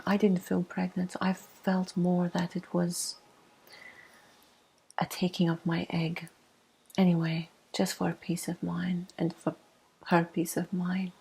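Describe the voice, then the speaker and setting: This is a rough recording of a woman telling a personal story in a gentle ASMR style. She speaks softly and without hurry in a lowish, husky, breathy voice that frequently falls to a whisper.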